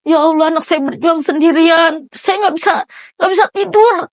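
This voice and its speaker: Emotional high-voiced middle-aged woman. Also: dry recording. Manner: halting, emotional telling with many restarts. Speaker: interviewee, mother of a sick child. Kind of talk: emotional personal testimony.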